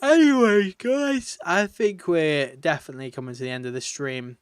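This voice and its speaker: A man's voice: medium pitch, lively intonation, fairly quick, smooth, no room sound, clean studio sound. A tired man, chatting casually and rambling while live-streaming a video game, often laughing at his own jokes.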